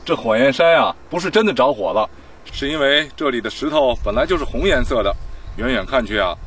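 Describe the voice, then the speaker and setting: A man's voice: mid-range voice, lively intonation, fast talker, a bit bright, a little hiss or hum, close to an everyday voice. A man playing a patient father explaining sights to his young daughter in a teaching drama.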